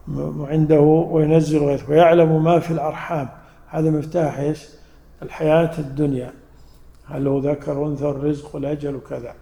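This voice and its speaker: A man teaching a classroom lesson on scripture, explaining slowly and stopping to check words with his students. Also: a little high, vocal fry, warm tone. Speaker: teacher of Quran interpretation. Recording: echoey room, long reverb.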